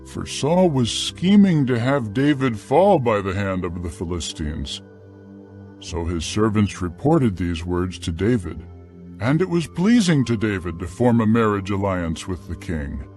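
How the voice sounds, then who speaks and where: A man narrates scripted scripture in a measured storytelling manner. His voice sits a little low and is very expressive in pitch, with faint music behind him.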